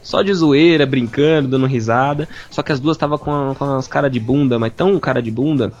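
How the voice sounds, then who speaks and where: A young man tells his story in a casual, slangy, animated way and acts out the lines he quotes. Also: medium pitch, a little fast. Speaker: listener telling his story. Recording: dull lo-fi sound with faint music.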